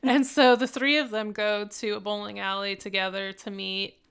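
A woman's voice: medium pitch, level tone, normal speed, vocal fry, a bit bright, clean tone. A young woman co-hosting a podcast, recapping an episode in chatty conversation with frequent laughter. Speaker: podcast co-host. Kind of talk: casual chat.

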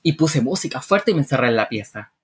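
A woman with a Chilean accent, co-hosting a podcast and telling stories in an animated, playful way, acting out scenes with sound effects. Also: extremely low pitch, quick pace, breathy edge. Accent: Chilean Spanish. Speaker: podcast co-host. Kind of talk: casual storytelling chat.

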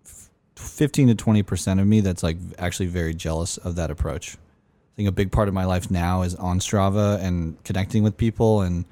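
A man's voice: deep voice, steady tone, a little fast, dark tone, no echo. A man hosting a casual podcast chat, talking loosely with fillers and the odd swear word. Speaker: podcast host.

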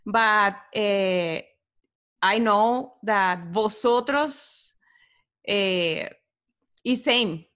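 A woman's voice: mid-range voice, very slow, pauses often, fairly bright tone. A woman from Venezuela with a Venezuelan Spanish accent, a native Spanish speaker chatting hesitantly in English, searching for words. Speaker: guest. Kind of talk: casual chat.

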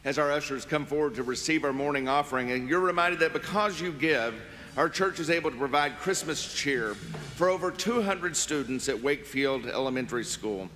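A man's voice: fairly high pitch, moderate pace, a bit bright, soft background music. A man speaking as a church minister, addressing the congregation and leading prayer in a large, reverberant sanctuary. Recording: reverberant hall, faint background noise.

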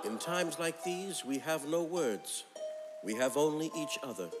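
An actor playing a solemn minister who leads a funeral with a slow, grave delivery. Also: male voice, fairly high pitch, animated. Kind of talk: musical theatre cast recording. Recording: reverberant stage recording with music.

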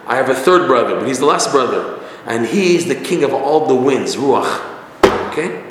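A man's voice: mid-range voice, expressive, moderate pace, close to an everyday voice. A man voicing an impatient king of the birds in an echoey hall with faint noise. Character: weary male king over the birds.

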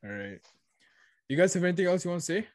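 A man's voice: high voice, very animated, fast talker, dry recording. A young man hosting a casual podcast, rambling and repeating words in an upbeat way. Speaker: podcast host.

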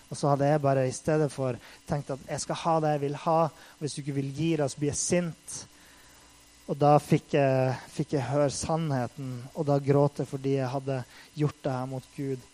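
Man giving a relaxed youth-style sermon, slightly high pitch, talky and earnest, rising to loud passages. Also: poor audio. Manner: conversational, many fillers, acts out quotes with rising intensity. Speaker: preacher. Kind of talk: casual sermon.

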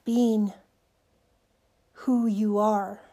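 An older woman with a hoarse, nearly gone voice, hosting a personal podcast in short, halting, reflective phrases. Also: mid-range voice, flat delivery, dark tone. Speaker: podcast host.

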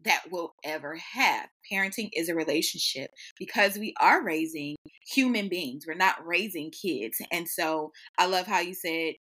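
A woman's voice: fairly low pitch, normal speed, hardly any pauses, bright, forceful tone. A woman hosting a podcast, talking reflectively and affirming her guest, speeding up as she makes her points. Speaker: podcast host.

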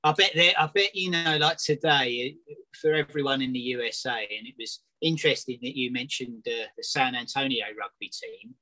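Bright-voiced man telling jokey stories. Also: medium pitch, moderate pace. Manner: storytelling, joking. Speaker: beer review show co-host. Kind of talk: casual banter.

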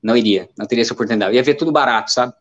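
A man's voice: mid-range voice, very fast. A Brazilian man in his fifties, an amateur runner chatting casually as an interview guest and telling rambling stories. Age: 50s. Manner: rambling, storytelling, many fillers. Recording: dull lo-fi sound.

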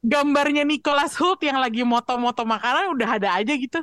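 A woman hosting a casual film chat, expressive and chatty, slipping English phrases in. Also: high-pitched, fast talker, no room sound. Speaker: podcast host asking questions.

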